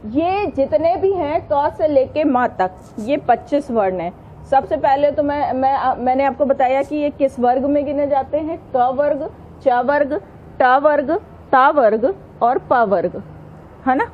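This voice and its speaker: A woman's voice: high-pitched, a little slow, phone-quality sound, a little hiss or hum. A woman teaching an exam-prep grammar lesson, patiently sounding out letters one by one and asking questions she then answers herself.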